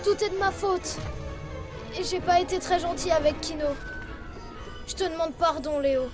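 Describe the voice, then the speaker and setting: A woman's voice: very high voice, normal speed. A woman voicing a proud, jealous young male tiger cub in a French cartoon dub, petulant and boastful. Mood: hurt, contrite. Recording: music under the voice.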